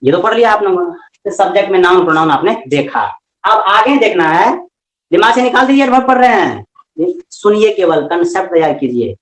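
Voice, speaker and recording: A man with a Hindi accent teaching English grammar in a classroom lecture, lively and often asking questions that he then answers himself. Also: high-pitched, fairly quick, roomy sound, poor audio.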